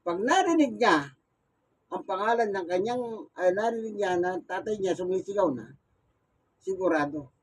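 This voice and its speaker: Male preacher, unusually high voice, homely storytelling sermon style. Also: a little mellow, breathy edge, rough recording. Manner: folksy, acts out everyday dialogue while preaching. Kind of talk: Gospel sermon.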